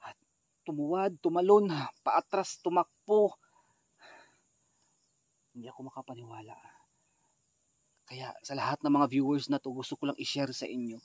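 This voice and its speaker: A man hosting a ghost-hunting vlog, talking straight to his viewers and swinging from hushed, nervous asides to loud, alarmed shouting. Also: medium pitch, moderate pace, pauses often, no echo. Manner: talks straight to viewers as "idol". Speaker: ghost hunter vlogger.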